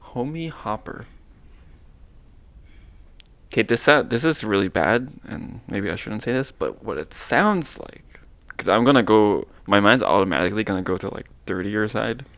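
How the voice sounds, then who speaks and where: Gravelly-voiced young man chatting playfully. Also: lowish voice, animated, fairly bright tone, no echo. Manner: playful, teasing, drawn-out repetition. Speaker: co-host. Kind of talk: casual chat.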